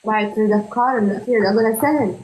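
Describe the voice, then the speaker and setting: A woman's voice: medium pitch, rapid-fire, darkish tone, reverberant, rough recording. A woman from Iraq with an Iraqi Arabic accent, chatting casually and playfully in a dialect challenge. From Mosul, Iraq. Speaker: livestream participant in a dialect challenge.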